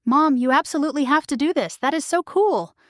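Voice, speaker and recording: An eager grown daughter, as a woman narrator puts her on, her voice lifting well above the narrator's own. She is warm and supportive, quick with enthusiasm, and the recording is dry and close with no room around it. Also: a little high, sing-song, no echo. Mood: excited.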